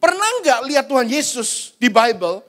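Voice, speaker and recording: A male pastor preaching a sermon at an online prayer service in a relaxed, colloquial way, now and then acting out quoted voices. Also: very high voice, normal speed. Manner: conversational, colloquial preaching with slang; acts out quoted voices in passing.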